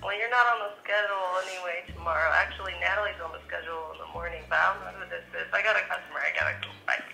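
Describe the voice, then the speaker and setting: A woman's voice: on the low side, very fast, vocal fry, sharp tone, echoey room, faint music behind, low-quality recording. A woman working as a shop receptionist, talking casually to a customer over a speakerphone call. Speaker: shop receptionist answering the phone. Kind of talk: casual customer-service phone talk. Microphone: telephone call played on speakerphone.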